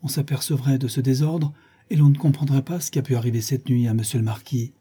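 A man's voice: mid-range voice, steady tone, quick pace, warm tone, husky. A man voicing a devoted, anxious old valet who pleads with his master in a trembling voice. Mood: pleading.

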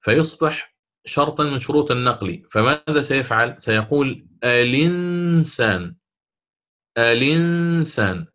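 Speaking with a bright, forceful tone at medium pitch, this sheikh teaches Quranic recitation by explaining a recitation poem. He chants the lines slowly and keeps his listeners alert with quick questions.

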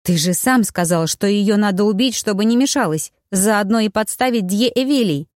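A woman's voice: mid-range voice, normal speed, darkish tone, dry recording, clean studio sound, lightly acted. A woman voicing a spoiled, scheming young baroness who whines and sneers. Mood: indignant. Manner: indignant, whining, sneering.

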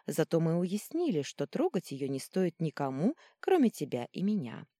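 A woman's voice: deep voice, sing-song, moderate pace, dark tone, no room sound, studio quality. Woman voicing a reassuring young sorceress. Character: kind capable young sorceress. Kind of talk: audiobook reading.

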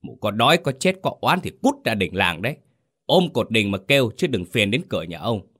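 A man voicing a cruel, bad-tempered old village chief who shouts and scolds. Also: on the low side, sing-song, normal speed. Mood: angry scolding.

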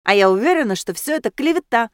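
A woman doing a tipsy, loud schoolgirl. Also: fairly high pitch, lively intonation, quick pace, clean tone, no echo, studio quality, voice pushed up, lightly acted. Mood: indignant. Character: tipsy, hot-headed teenage girl dressed as ghost.

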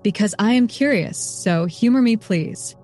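A woman's voice: mid-range voice, lively intonation, unhurried, a little mellow, soft background music. A woman voicing a stern but kind man, a knight-like lord, who speaks in firm, commanding lines.

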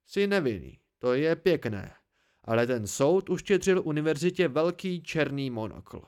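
A man's voice: fairly high pitch, lively intonation, a little mellow, smooth, lightly acted. A man reading an audiobook, voicing an irritable, blunt male student friend who scolds. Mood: irritated.

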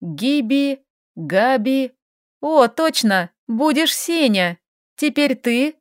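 A woman voicing a stubborn, feisty young heroine who bickers and exclaims in quick, sharp lines, read from an audiobook. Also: high voice, expressive, no echo, clean studio sound, pitched above the performer's own voice, exaggerated voice.

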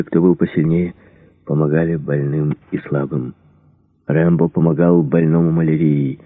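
A man with a very deep, husky voice narrates an action audiobook in a steady, measured way. The sound is thin and phone-like, and very dry. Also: no room sound. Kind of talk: scripted narration.

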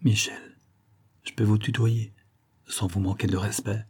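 A man reading the part of a frightened middle-aged Italian man who speaks in a hushed, near-inaudible murmur. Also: medium pitch, moderate pace, slightly rough, lightly acted.

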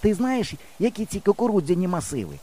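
A man voicing a cocky, quick-tempered village boy in an audiobook, bossy and quarrelsome. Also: sits high, very animated, voice pushed up. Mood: urgent. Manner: bossy, quarrelsome, shouting across distance. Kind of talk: audiobook character voice.

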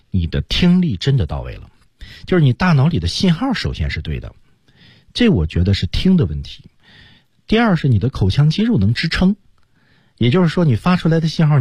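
Mellow husky male teacher. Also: medium pitch, no echo. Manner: measured, explanatory with many fillers. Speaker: English pronunciation teacher. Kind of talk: radio lesson feedback.

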